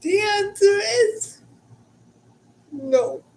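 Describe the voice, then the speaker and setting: A high-voiced woman talking on her own live stream at an extremely slow, drawn-out pace. She is hesitant and halting, stuttering and stopping often as she feels her way through what to say. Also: animated, a little mellow. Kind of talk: unscripted live stream talk.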